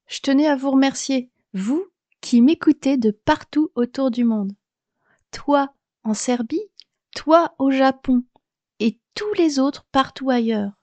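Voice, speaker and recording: A woman's voice: high-pitched, a little mellow, no room sound. A woman podcast host from France, in her thirties or forties, explaining things in a chatty, lightly humorous scripted monologue.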